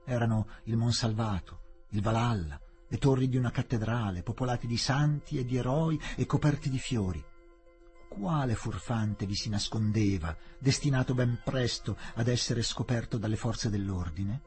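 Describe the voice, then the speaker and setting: A man reading a novel aloud for radio in a measured, expressive manner. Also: mid-range voice, soft background music. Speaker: audiobook reader.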